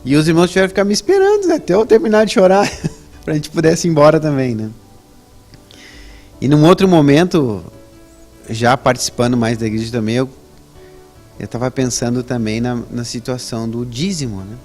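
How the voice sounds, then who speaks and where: A man's voice: fairly quick, pauses often, soft background music. Man telling his testimony. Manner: conversational, tags sentences with "né?"; lively storytelling with rising pitch on emphasis. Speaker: interview guest. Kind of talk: personal religious testimony.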